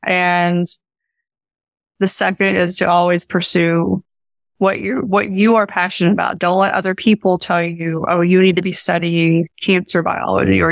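Speaking with an Appalachian accent, a young professor and research scientist answers interview questions as a podcast guest, earnest and informal. Her voice is gravelly and on the low side, with no echo.

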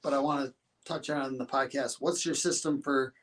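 A man's voice: mid-range voice, steady tone, moderate pace, a bit bright. A man hosting a podcast, asking questions in a casual, affirming way. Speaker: podcast host. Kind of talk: podcast interview.

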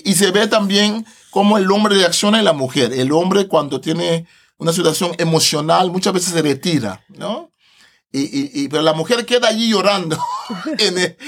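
Brief: male podcast guest, high pitch, animated and laughing, walks through scripture conversationally. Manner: animated, laughs often, tags phrases with a questioning "no". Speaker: Bible translator, podcast guest.

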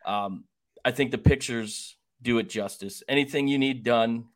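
A man's voice: mid-range voice, normal speed. A man hosting a sports podcast in a folksy, rambling way, with many fillers and restarts. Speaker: podcast host. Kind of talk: casual sports podcast chat.

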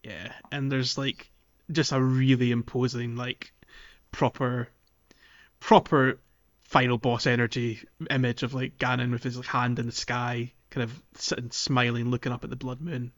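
On a casual gaming podcast, the male host talks about games in an enthusiastic, geeky manner. His voice is medium-pitched and a bit bright, fairly flat in pitch, at a moderate pace, and the sound is lo-fi.

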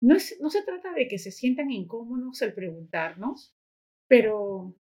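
A woman's voice: on the high side, animated, measured pace, warm tone. A woman, a guest on a podcast, chatting casually and telling stories while tagging her sentences with little questioning asides. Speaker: guest, educator and activist.

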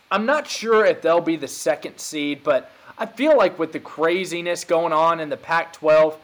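A man's voice: on the high side, fairly bright tone. A man hosting a podcast, talking college football in a hyped, emphatic casual way. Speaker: podcast host. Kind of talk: casual sports chat.

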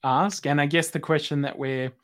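A man co-hosting a church podcast, chatting in a relaxed, explanatory way. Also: a little high, moderate pace. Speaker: podcast co-host. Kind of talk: casual podcast chat.

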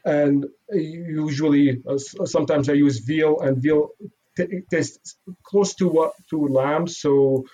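Iraqi-born guy, guest on a chat, slightly high voice, lots of ums and restarts, modest. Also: warm tone, low-quality recording. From Iraq. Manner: halting, many fillers and restarts, modest. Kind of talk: casual interview.

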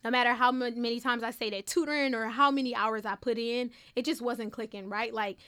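A young woman telling her college story in a casual interview, animated and full of fillers like "like" and "um". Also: on the high side, fairly quick, clean tone. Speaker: interviewee, first-generation college graduate.

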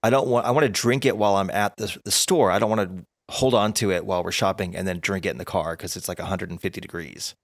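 A man co-hosting a casual podcast, answering in a matter-of-fact, understated, deadpan way. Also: sits low, fast talker, hardly any pauses, dry recording, clean studio sound. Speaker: podcast co-host. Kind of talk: casual chat.

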